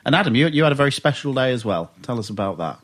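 A man's voice: medium pitch, big pitch swings, racing, fairly bright tone. A man hosting a podcast in casual chat, teasing his co-hosts. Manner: teasing, jokey. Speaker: podcast host.

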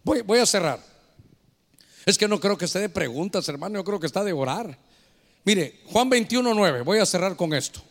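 A man's voice: high-pitched, expressive, moderate pace, big-room sound. A man preaching a sermon as pastor in a church. He speaks fervently and keeps addressing the congregation as brother. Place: church hall.

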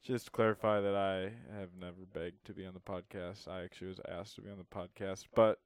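A man's voice: low voice, little pitch movement, fairly quick, smooth, dry recording. A man from Minnesota, a guest on a podcast, joking in a dry, teasing way. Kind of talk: casual chat.

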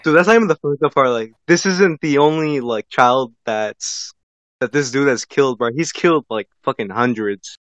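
Speaking at a normal pace in a medium-pitched voice, this co-host rambles through long stories on a podcast, constantly saying "like" and "bro." The recording is dry and dull, lo-fi with no echo.

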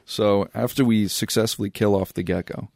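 A man co-hosting a podcast in casual comedic chat, joking and laughing as he pitches absurd ideas. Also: fairly even intonation, normal speed, creaky, a little mellow, dry recording. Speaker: podcast co-host.

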